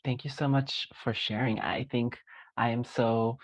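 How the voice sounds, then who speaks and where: A man from Malaysia hosting a podcast interview, lively and quick to laugh. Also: medium pitch, dry recording. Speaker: podcast host. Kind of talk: casual interview talk.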